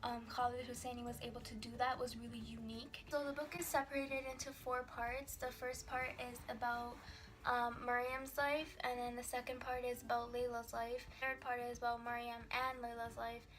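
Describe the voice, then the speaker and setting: A woman's voice: a little high, level tone, fairly bright tone. Woman giving a casual book review. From Pakistan. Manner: informal, many fillers and pauses. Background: background music.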